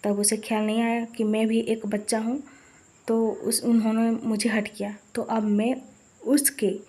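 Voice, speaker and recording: A woman voicing a vengeful young man who uses dark magic, defiant and mocking in a fan story reading. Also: on the high side, flat delivery, normal speed, lightly acted.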